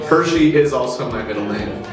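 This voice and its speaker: 23-year-old singer, hesitant, echoey room. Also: male voice, mid-range voice, fairly quick. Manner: hesitant, filler-heavy chat. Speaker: singer in a band. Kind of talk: casual documentary interview. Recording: echoey room, distant mic, music underneath.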